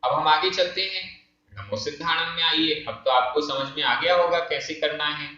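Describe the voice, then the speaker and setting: A man giving a spoken language tutorial, patient and methodical, slowly counting out syllables one by one. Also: fairly high pitch, pushed and bright. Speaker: Prakrit language teacher. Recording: echoey room, slightly dull sound.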